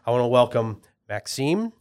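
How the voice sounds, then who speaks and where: A man hosting a podcast, interviewing guests in a relaxed, joking way. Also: medium pitch, moderate pace, clear, resonant tone. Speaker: podcast host. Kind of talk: casual interview.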